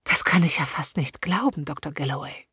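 A woman voicing a curious, nervous young woman client, speaking softly and breathily. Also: deep voice, brisk, slightly rough, no room sound, studio quality, heavily acted. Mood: curious eager.

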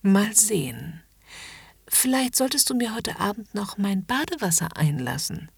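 A woman's voice: medium pitch, big pitch swings, unhurried, vocal fry, slightly rough, no room sound, full character voice. A woman voicing a haughty, domineering upper-class lady in a commanding, mocking whispered role-play.

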